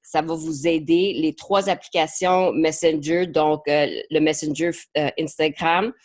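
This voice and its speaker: A woman with a low, darkish voice keeps a steady tone and measured pace while coaching marketing in a live online session. English is her first language and her accent English Canadian; she chats in French mixed with English words, often pausing and repeating herself.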